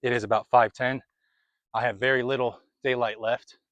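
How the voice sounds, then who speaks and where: A man's voice: medium pitch, flat delivery, moderate pace, fairly bright tone. A young man talking through a disc golf round outdoors, chatty and a little out of breath. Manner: chatty, running commentary between throws. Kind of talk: casual play-by-play commentary.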